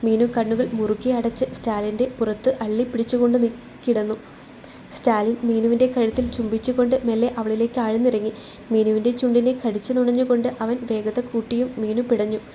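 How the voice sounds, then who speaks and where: Female storyteller for a romance story; mellow, flat, slightly high voice; faint background noise. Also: fairly quick. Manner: voices every character in her own voice. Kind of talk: scripted narration of a romance story.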